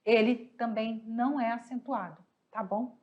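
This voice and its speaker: A Brazilian woman teaching a class, a little hoarse, patiently asking questions and answering them herself. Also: fairly high pitch, fairly even intonation, a little slow, darkish tone. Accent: Brazilian Portuguese. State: slightly hoarse, coughing. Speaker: Spanish teacher. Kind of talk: online class explaining exercises.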